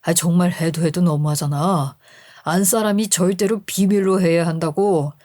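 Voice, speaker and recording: A woman's voice: lowish voice, fairly even intonation, normal speed, warm tone, no room sound, clean studio sound, lightly acted. A woman voicing a young husband who defends his wife against his mother in a radio story. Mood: indignant. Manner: pleading then indignant.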